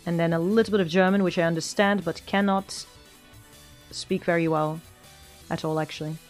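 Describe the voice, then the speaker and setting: With faint music in the background, a woman streamer with a low-leaning, steady voice talks at a normal pace. A native Flemish Dutch speaker, she chats casually while drawing, responds to chat, and rambles, often stopping to correct herself as she thinks aloud.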